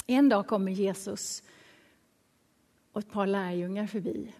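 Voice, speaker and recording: A woman preaching a sermon in a lively, colloquial way, dropping now and then to a soft hush. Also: medium pitch. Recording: long reverb of a large hall.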